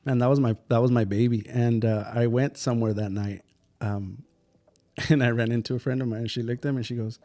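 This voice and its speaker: In this casual podcast conversation, a male guest with a mid-range, dark voice speaks briskly in a steady tone. He tells stories, acts out what others said, and laughs often, then walks through ideas step by step, repeatedly asking "right?"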